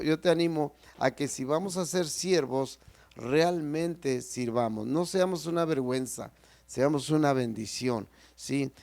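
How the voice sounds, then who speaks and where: A man's voice: a little high, a little mellow. A man with a Mexican Spanish accent preaching a sermon in an earnest, emphatic way, repeating phrases and addressing listeners directly.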